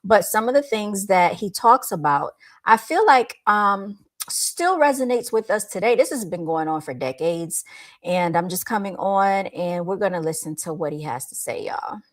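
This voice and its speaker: Chatting loosely with her livestream viewers into a microphone, a woman speaks in a light, expressive voice. Her pitch is medium and her speed normal.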